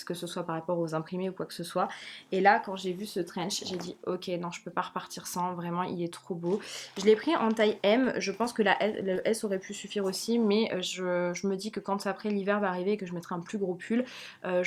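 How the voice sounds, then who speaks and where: A woman vlogger chatting casually through a fashion haul, gushing and repeating words for emphasis. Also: mid-range voice. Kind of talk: casual haul video chat.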